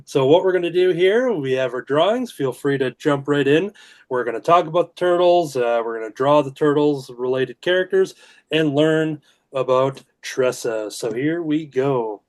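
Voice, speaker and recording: A man hosting a casual drawing show, talking in a relaxed way with frequent "uh" fillers. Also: on the high side, moderate pace. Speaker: host. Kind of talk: casual video-call chat while drawing.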